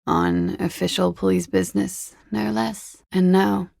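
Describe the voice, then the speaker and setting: Klaasje, husky, creaky, jaded flirt. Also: female voice, medium pitch, little pitch movement, measured pace, a little mellow, dry recording, clean studio sound. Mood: wry, polite. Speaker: video game character. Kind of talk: video game dialogue.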